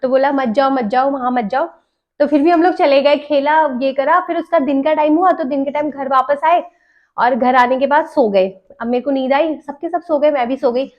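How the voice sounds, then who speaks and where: A woman's voice: sits high, fairly even intonation, moderate pace. A young woman, telling stories in casual podcast chat and laughing as she recalls them. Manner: chatty, laughs while recalling. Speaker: podcast host sharing stories. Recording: dull lo-fi sound.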